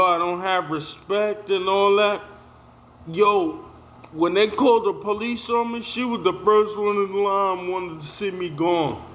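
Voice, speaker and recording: A man's voice: high-pitched, a bit bright, slight background noise. A young man telling a heated story about being pushed out of a job, in a casual rant full of slang and repeated "yo". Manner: heated, repetitive, street slang, says "yo" a lot.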